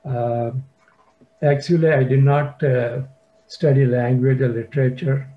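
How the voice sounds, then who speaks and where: An older poet from India speaks English with a Tamil-influenced accent over a video call that sounds dull and lo-fi. He talks casually and hesitantly, with many fillers and restarts. His voice sits at a middling pitch for a man. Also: steady tone, a little slow. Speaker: poet sharing his work.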